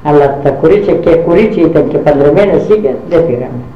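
An older woman tells a family story from her past in an interview, acting out who said what. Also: sits low. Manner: animated, acts out dialogue with many "she says" tags. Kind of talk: oral history storytelling. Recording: echoey dull lo-fi recording.

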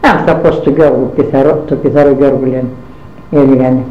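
An older woman tells a family story from her past in an interview, acting out who said what. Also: rumbling low. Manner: animated, acts out dialogue with many "she says" tags. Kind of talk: oral history storytelling. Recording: echoey dull lo-fi recording.

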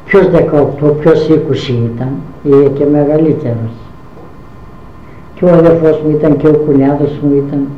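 An older woman with a deep voice shares a family memory during an interview, playing out each person's lines with lively energy and lots of "she says." It's oral history storytelling captured on an echoey, muffled lo-fi recording with some background noise.

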